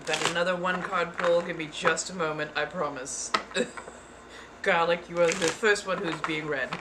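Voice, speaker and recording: This tarot reader and livestream host speaks at normal speed in a fairly low, steady voice, performing a theatrical fake accent the entire time and calling viewers "darling," with heavy noise behind her.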